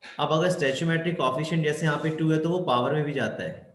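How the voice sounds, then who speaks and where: A man's voice: fairly high pitch, quick pace, slight background noise. A man teaching chemistry, who asks his students questions and answers them himself, with English terms mixed into his Hindi. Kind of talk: explanatory lesson. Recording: echoey room with faint ambience.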